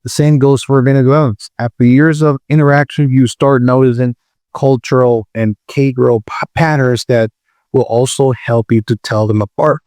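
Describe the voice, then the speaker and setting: A man from the Republic, hosting his own channel and explaining in a measured way with frequent pauses. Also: medium pitch, steady tone, a little mellow, dry recording, clean studio sound. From Dominican Republic. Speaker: video host. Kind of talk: explanatory commentary.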